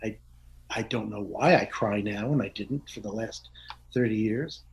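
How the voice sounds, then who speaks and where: A man's voice: lowish voice, moderate pace, gravelly, rough recording. A middle-aged man as an interview guest, talking openly and earnestly, often laughing and restarting his words. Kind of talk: reflective conversational interview.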